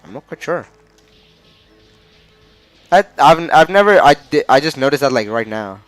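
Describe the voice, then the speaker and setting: A man's voice: on the high side, expressive, moderate pace, no room sound, faint music behind. A man with an Australian accent giving casual analysis of a fighting game match, chatty and often stumbling over the players' names.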